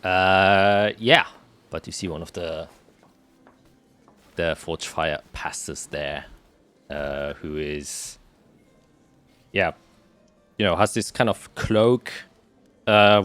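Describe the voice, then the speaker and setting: A man narrating as game master of a tabletop game, describing scenes with many pauses and fillers. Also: low-pitched, fairly bright tone. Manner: hesitant, filler-heavy describing.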